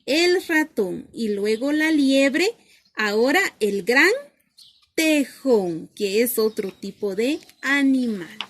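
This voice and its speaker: A woman's voice: on the high side, lively intonation, slow pace. A woman reading a picture book aloud to children as a lesson, asking questions and then answering them herself.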